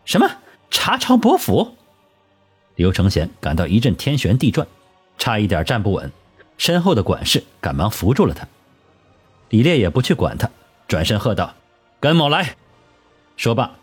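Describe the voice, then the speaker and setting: Husky male narrator over soft music. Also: mid-range voice. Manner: measured storytelling. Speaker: audiobook narrator. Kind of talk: scripted audiobook narration.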